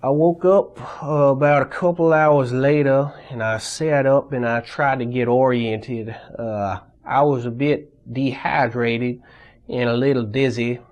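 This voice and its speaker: A man interviewed in a mock documentary, telling his war story in an earnest, halting way. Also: medium pitch, fairly even intonation, darkish tone, muffled recording.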